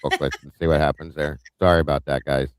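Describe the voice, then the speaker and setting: A man co-hosts a casual livestream discussion in a very deep voice. He talks bluntly, cracks jokes and pokes fun at himself. The recording is dry and close. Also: fairly even intonation, fast talker, smooth, no echo, rough recording. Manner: blunt, joking, self-deprecating. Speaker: livestream co-host.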